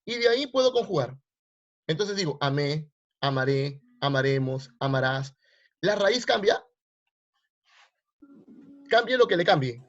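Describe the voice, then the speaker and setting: A man's voice: a little high, very animated, unhurried, long pauses, muffled recording. Man teaching a grammar class online. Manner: repeats questions, quizzes students. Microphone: video call.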